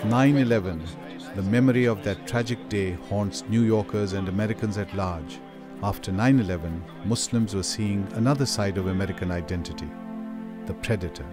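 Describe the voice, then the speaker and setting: A man giving slow, measured scripted narration for a documentary. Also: lowish voice, music in the background.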